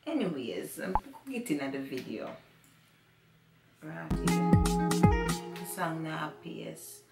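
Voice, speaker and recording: A woman's voice: low-pitched, big pitch swings, slow, gravelly, loud music behind the voice. A woman with a Jamaican accent chatting casually to her vlog audience, rambling and repeating herself. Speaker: vlogger. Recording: echoey room.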